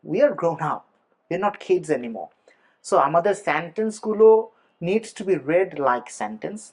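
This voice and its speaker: Slow-talking male tutor. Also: a little high. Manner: explains step by step, spells out words letter by letter. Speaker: exam prep tutor. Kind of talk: teaching lesson mixing Bengali and English.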